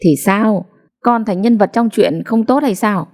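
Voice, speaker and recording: A woman's voice: mid-range voice, measured pace, darkish tone, lightly acted. A woman voicing a plain-spoken mother who scolds her daughter matter-of-factly. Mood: chiding.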